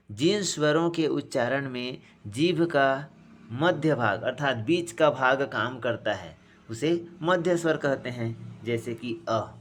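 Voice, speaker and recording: A male teacher giving a recorded grammar lesson at an unhurried pace. He sounds out each letter slowly, repeats important terms and speaks to his students as friends. His voice sits at an ordinary middle pitch. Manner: slow and deliberate, repeats terms, says each sound aloud.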